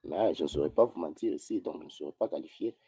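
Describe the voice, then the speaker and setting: A man's voice: a bass voice, fast talker, creaky, dark tone, slightly rough, no room sound. A man speaking as a debate guest, formal and hesitant, stammering as he answers. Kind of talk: debate on a call.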